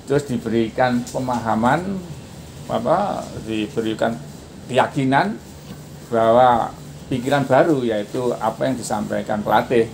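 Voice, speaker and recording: A man in his sixties, a podcast guest, talking casually and shouting out drill counts now and then. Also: medium pitch, unhurried, creaky. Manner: shouts out karate counts when demonstrating. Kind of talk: casual interview. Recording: noisy background.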